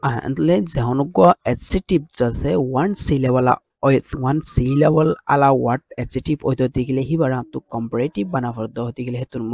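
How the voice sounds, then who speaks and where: A man teaches an English grammar lesson, mixing English terms into his speech. His voice sits at an ordinary pitch with a gravelly edge. He explains patiently and step by step, often stopping to check that his students are following. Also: darkish tone.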